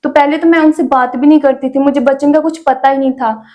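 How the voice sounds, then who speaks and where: Young woman, high voice, chatty storytelling w/ lots of little fillers, sharing her testimony. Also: fairly even intonation, brisk, warm tone, dull audio. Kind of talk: casual testimony in an interview.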